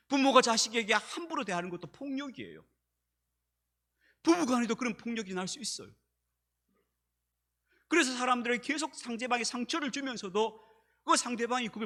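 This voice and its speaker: Male pastor, animated sermon delivery, high and breathy-edged. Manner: animated preaching that acts out quoted speech.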